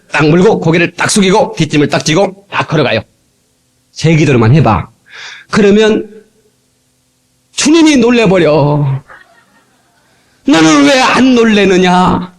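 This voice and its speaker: A man preaching a sermon as pastor, playful and animated, with sudden loud exclamations, from an old cassette recording. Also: on the high side. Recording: old tape transfer.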